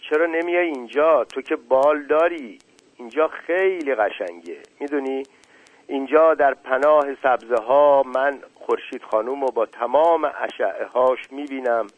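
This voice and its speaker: A man voicing a shy, lonely young female daisy flower in a storybook reading, speaking softly. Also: mid-range voice, no room sound, lo-fi sound, close to an everyday voice. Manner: soft, timid then gently talkative.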